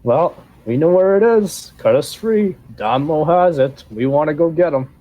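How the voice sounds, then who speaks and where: A man's voice: a little high, lively intonation, moderate pace, warm tone, voice pushed up, natural voice, rough recording. A man voicing a hungry male goblin prisoner chained to a wall, indignant and pleading in a tabletop game. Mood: scoffing.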